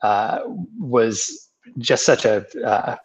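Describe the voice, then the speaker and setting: A man's voice: fairly low pitch, fairly even intonation, very slow, highs cut off. A programmer telling the story of how he got into his hobby, hesitant and full of fillers, on a group video call.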